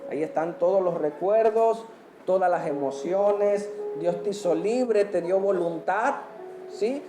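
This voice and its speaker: A man's voice: high voice, measured pace, noisy background. A man preaching a sermon, quizzing the congregation and answering each point with amen. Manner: asks the congregation questions, punctuates with amen. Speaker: pastor. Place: church hall. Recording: echoey church hall.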